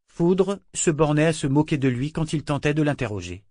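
A man narrating a novel in a measured, even storytelling voice. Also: fairly high pitch, no room sound, studio quality. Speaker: audiobook narrator. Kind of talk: scripted narration.

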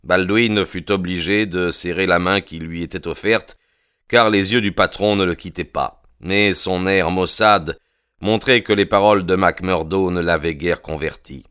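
A man narrating an audiobook in a measured, expressive reading style. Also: sits low, smooth, no echo, clean studio sound. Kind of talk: scripted narration.

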